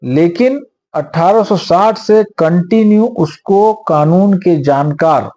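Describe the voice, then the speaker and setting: A man who is a senior advocate, explaining law at length in an interview in a measured, lecturing way with homely examples. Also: high voice, warm tone.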